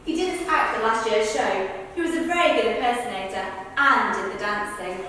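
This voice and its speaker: The voice is a woman's, on the high side, a little fast, pushed and bright. She's running through verbatim witness accounts for the theater in a conversational but projected style, captured from afar in a reverberant hall with faint noise.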